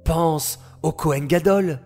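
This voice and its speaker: A man voicing a patient, knowing boy who explains things slowly in a children's story. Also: a little high, darkish tone, faint music behind. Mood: patient, warm.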